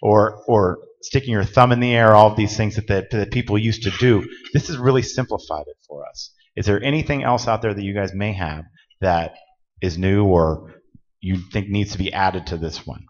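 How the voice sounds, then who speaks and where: A man's voice: lowish voice, normal speed. A man presenting rules to a conference audience in a plain, direct, instructive way. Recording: dull lo-fi audio with long hall reverb.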